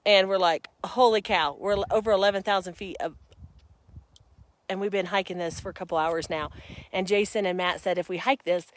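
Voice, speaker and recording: A middle-aged woman streaming live from a mountain hike on her phone, tired from the climb, greeting viewers by name with excited chatter and frequent laughter. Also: medium pitch, fairly quick. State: tired from hiking. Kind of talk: casual live-stream chat. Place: outdoors on a mountainside. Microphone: phone held at arm's length.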